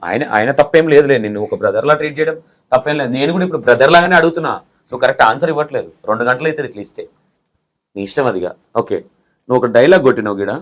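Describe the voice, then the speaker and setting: An interview anchor with a medium-pitched voice talks at a racing speed. He bluntly presses and scolds his guest with pointed questions.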